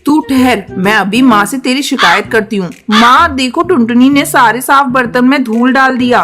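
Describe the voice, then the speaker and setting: A woman's voice: sits high, moderate pace, fairly bright tone, pitched below the performer's own voice. A woman voicing a complaining young pigeon girl in a cartoon. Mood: irritated. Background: music.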